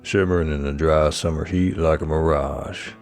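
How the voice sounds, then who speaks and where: A man narrating a game in a measured, storytelling delivery. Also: extremely low pitch, fairly even intonation, faint music behind. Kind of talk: scripted second-person narration.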